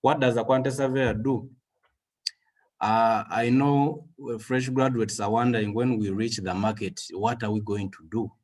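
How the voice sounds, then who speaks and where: A man in his thirties from Western Uganda with a Ugandan English accent, giving a measured webinar presentation with frequent fillers over a video call. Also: medium pitch, fairly even intonation, a little mellow. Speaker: guest speaker.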